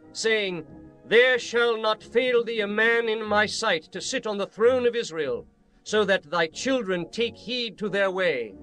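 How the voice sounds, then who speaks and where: A reverent biblical king in a scripture drama. His voice sits high for a man, and he declaims solemnly over a musical backdrop. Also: a bit bright. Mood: prayerful. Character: King Solomon, reverent male monarch praying and blessing.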